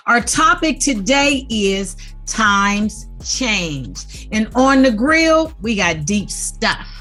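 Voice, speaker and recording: Woman podcast host, unhurried and bright, friendly casual banter over a video call. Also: mid-range voice. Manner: upbeat, friendly, slang-heavy. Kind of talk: casual interview chat.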